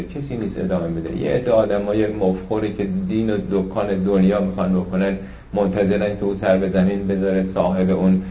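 A man's voice: deep voice, slight background noise. Fervent male preacher with a roomy echo. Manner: shifts between fervent raised passages and hushed asides, slowly intoning scripture. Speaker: religious lecturer. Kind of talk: sermon.

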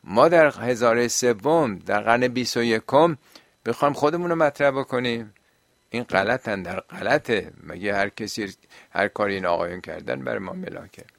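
A man's voice: mid-range voice, expressive, gravelly, no echo. A man teaching and answering listeners' questions on religion, explaining at length and often asking rhetorical questions.

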